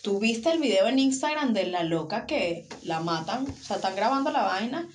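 A woman's voice: medium pitch, animated, moderate pace, a little hiss or hum. Slangy Venezuelan woman in an echoey room. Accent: Venezuelan Spanish. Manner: slangy storytelling, quotes voices. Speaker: podcast co-host. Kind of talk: casual chat.

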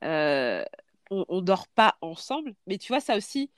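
A woman's voice: lowish voice, big pitch swings, unhurried, no room sound, clean studio sound. Hesitant woman thinking aloud. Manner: hesitant, many fillers and restarts while thinking aloud. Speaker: podcast host parent. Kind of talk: casual podcast chat.

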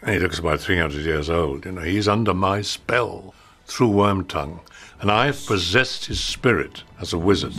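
A man actor giving film commentary, explaining his part in a scene deliberately. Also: sits low, fairly bright tone, breathy edge.

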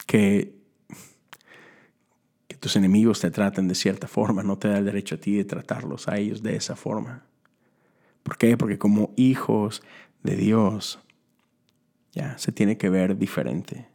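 A man's voice: fairly low pitch, steady tone, a little slow, vocal fry, long pauses, mellow. Chatty preacher man. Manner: chatty, full of rhetorical questions and asides. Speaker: Methodist preacher. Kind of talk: conversational sermon.

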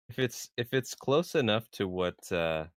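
A man's voice: lowish voice, no room sound, studio quality. A man playing a tabletop game, describing his character's moves in a playful way. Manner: playful, laughing often between in-character choices. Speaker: player.

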